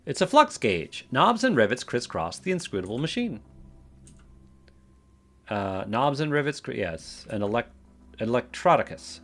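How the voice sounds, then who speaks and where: A man's voice: medium pitch, very animated, unhurried, long pauses. A man casually commenting on a game he plays, thinking aloud and reading out game text. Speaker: game streamer. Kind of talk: let's play commentary.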